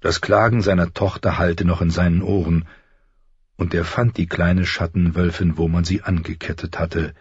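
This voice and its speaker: A man narrates a dramatic audiobook in a measured, grave manner. His voice is low and deeply husky. The recording is dry and a little muffled. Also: level tone, a little mellow, no echo.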